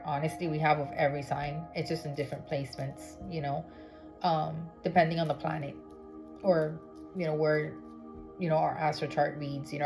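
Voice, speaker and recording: A low-pitched woman from Miami, United States, gives a tarot reading in a casual spiritual vlog, chatting loosely with plenty of fillers. She often pauses to check in with viewers by asking "okay?", and background music is clearly audible.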